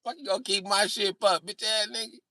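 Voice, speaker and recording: A livestream host with a high-sitting voice talks fast with fairly even intonation and a bright, forceful tone. He reads comments and fires back in casual chat that's brash, jokey, slangy and full of swearing. There's no room sound.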